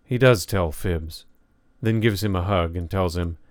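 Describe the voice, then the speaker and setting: A man reading a nonfiction book aloud as narrator, in a measured, reflective way. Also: sits low, dry recording, clean studio sound.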